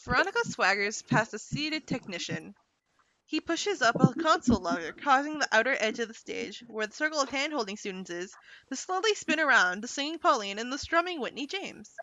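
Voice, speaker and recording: A woman narrating stage directions in a table read of a screenplay, with quick lively asides. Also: a little high, no echo, poor audio.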